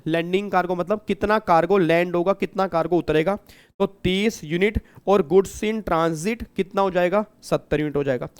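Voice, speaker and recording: A man from India teaches customs law to an online class, keeping his voice high and smooth. He repeats each point and quizzes the students. He also teases them as he goes. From Kurukshetra, India. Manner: teasing, repetitive, asks the class questions. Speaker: tax teacher.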